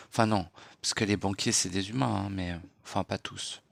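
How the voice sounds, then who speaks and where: A man giving a late-night spiritual monologue in a hushed, unhurried voice, lecturing and posing rhetorical questions. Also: sits low, steady tone, gravelly, no room sound. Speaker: spiritual speaker.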